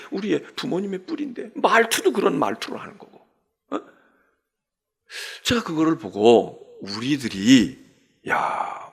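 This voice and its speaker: A man's voice: high voice, vocal fry, fairly bright tone, slightly rough. A middle-aged man, a senior pastor, giving an early-morning Lent sermon in a chatty storytelling way and often checking in with the congregation. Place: church sanctuary.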